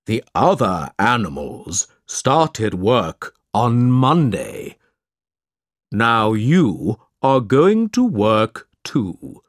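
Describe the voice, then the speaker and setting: A stern djinn spirit , played by a man, lays down the law in a deep, unhurried storybook voice. Each word is weighed and drawn out, with a lively rise and fall, close and dry. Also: dry recording, exaggerated voice. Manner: slow, stern, deliberate. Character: solemn, commanding male djinn spirit. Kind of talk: storybook reading.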